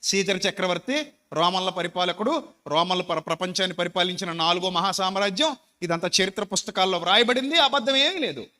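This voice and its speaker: High, bright-voiced preacher man. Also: fairly quick. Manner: emphatic preaching with rhetorical questions to the audience. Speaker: pastor. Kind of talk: sermon. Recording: long hall reverb.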